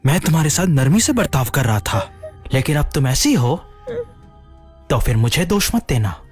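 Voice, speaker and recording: An arrogant, boastful young bully, his voice sitting high and swinging widely between threats and whining. Music plays softly behind the dialogue. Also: big pitch swings, moderate pace. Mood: menacing. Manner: boastful, threatening, whines when hit. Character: arrogant young male bully, cowardly when beaten. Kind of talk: Hindi dub of a drama.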